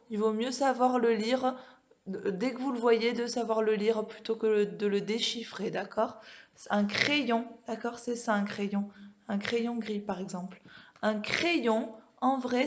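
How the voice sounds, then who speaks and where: A woman leads a reading lesson for small children, sounding out words with careful, stretched pronunciation. Her voice sits a little high and she speaks unhurriedly, pausing often to ask whether the children follow. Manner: checks in with frequent questions to children. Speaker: primary school teacher. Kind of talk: home-schooling reading lesson. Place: classroom with a board.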